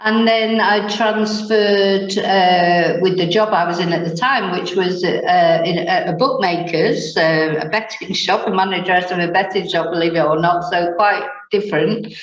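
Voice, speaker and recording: A Mancunian-accented woman in her forties from Manchester, England, a language teacher, tells her story as a guest in a casual interview. Her voice has a fairly low pitch, and she speaks a little slowly with few pauses, rambling with fillers and small chuckles. The audio is dull and the room echoey.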